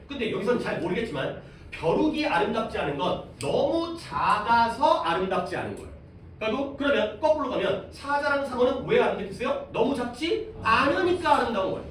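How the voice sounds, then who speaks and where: This male high school English teacher talks a little fast in a high, fairly bright and very animated voice. He leads a classroom reading lesson, explaining step by step and questioning the class. The room echoes, the mic sits at a distance, and faint noise lingers behind him.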